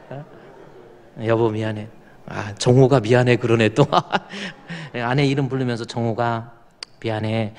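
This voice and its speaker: A male pastor delivers a sermon in a church, his voice carrying a long hall reverb. He talks in a folksy storytelling way and keeps prompting the congregation to respond. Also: medium pitch. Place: church sanctuary.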